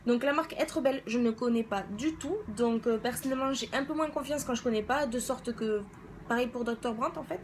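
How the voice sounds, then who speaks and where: High-pitched woman. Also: fairly quick, slight background noise. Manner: hesitant, conversational, thinking aloud. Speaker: beauty vlogger reviewing products. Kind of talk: casual spoken product review.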